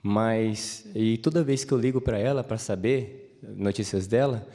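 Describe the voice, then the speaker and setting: A man's voice: fairly low pitch, moderate pace, warm tone. A man with a Brazilian Portuguese accent being interviewed on stage, earnestly telling about his family's opposition. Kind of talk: stage interview, personal account. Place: large assembly hall. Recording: reverberant assembly hall.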